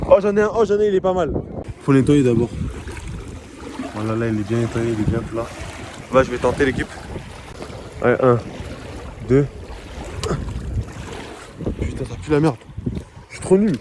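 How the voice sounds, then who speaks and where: A young man casually narrating a hiking vlog outdoors, joking and talking to his viewers as the team. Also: medium pitch. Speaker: vlogger. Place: outdoors in the mountains. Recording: outdoor wind noise.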